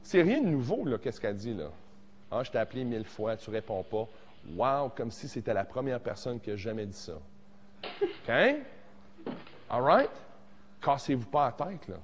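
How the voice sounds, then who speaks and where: A man's voice: mid-range voice, moderate pace, pauses often, a little hiss or hum. Joking Québécois man teaching in a hall. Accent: Québécois French. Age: 40s. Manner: joking, animated, mixes in English words. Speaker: songwriting teacher. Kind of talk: casual classroom workshop.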